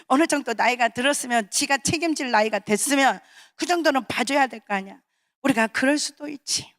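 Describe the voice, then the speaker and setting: A woman's voice: high voice, a bit bright. A woman pastor preaching a sermon, emphatic and conversational, asking the congregation questions and acting out short quoted voices. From South Korea.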